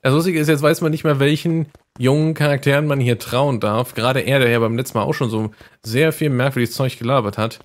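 Relaxed man commenting on a game. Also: mid-range voice, fast, hardly any pauses. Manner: relaxed, thinking aloud. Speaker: streamer. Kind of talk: casual gameplay commentary.

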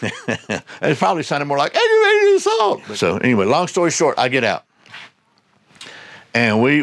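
A man's voice: mid-range voice, a bit bright. A man hosting his channel, telling a personal story in a rambling, conversational way that often corrects itself. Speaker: channel host. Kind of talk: casual storytelling monologue.

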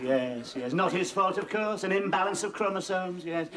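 High-voiced, boastful English sitcom landlord. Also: male voice, normal speed, a loud crowd. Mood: scheming. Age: middle-aged. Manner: excitable, boastful, repeating himself. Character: vain, seedy, scheming middle-aged landlord, eager to impress. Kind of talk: 1970s studio sitcom acting. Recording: old TV studio, loud audience noise.

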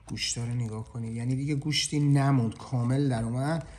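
A man's voice: mid-range voice, steady tone, a little mellow, a little hiss or hum. A man hosting a casual cooking vlog from a kitchen, joking and talking straight to his viewers through a clip-on mic. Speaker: chef. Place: indoor kitchen.

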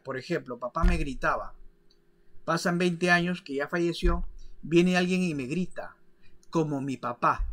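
Brief: male teacher, slightly higher voice, patient explainer, keeps asking "ok?". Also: a bit bright. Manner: didactic, checks in with frequent "¿ok?" and "¿de acuerdo?"; demonstrates with his hands while explaining. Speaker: biodecoding teacher. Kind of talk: explanatory video lesson.

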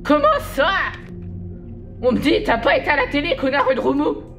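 A woman's voice: high-pitched, sing-song, moderate pace, a bit bright, faint music behind. A woman commenting on a horror game as she plays, jumpy and exclamatory, often laughing through nervous reactions. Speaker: gaming video host.

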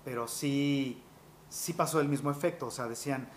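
A man, a voice actor telling stories from his career in an interview, animated and peppered with fillers. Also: medium pitch, slight background noise. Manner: animated, quick anecdotal storytelling with fillers like "este". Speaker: voice actor guest. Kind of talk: interview storytelling.

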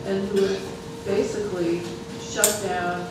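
Speaker, monotone delivery, halting restarts, meeting presentation, distant mic, echoey room. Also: medium pitch. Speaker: health council presenter. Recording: echoey room from far off, noisy.

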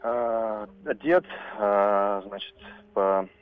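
Young man in his twenties, radio caller, nervous, halting, lowish voice, tinny phone line. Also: little pitch movement, clean tone, faint music behind. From Lipetsk region, Russia. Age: 20s. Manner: nervous and halting, many fillers. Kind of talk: phone-in recollection. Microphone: telephone.

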